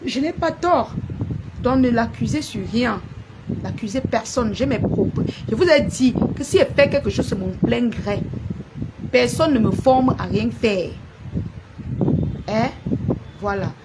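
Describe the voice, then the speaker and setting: A woman's voice: on the high side, a little slow, pauses often. A woman blogger ranting at her viewers on a live stream, confrontational and repetitive, scolding a rival. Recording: noisy background.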